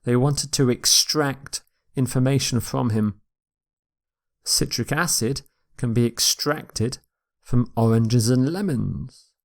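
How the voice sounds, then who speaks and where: A man teaching English vocabulary in a recorded lecture, repeating each word slowly and carefully for pronunciation. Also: medium pitch, gravelly. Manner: slow, deliberate, repeats words for pronunciation.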